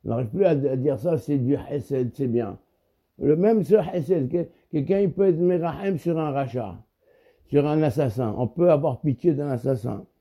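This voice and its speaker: Guy teaching torah, super mellow dark voice, kinda high, stops and repeats words a lot. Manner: halting, repeats words, searches for terms. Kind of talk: spoken Torah lesson.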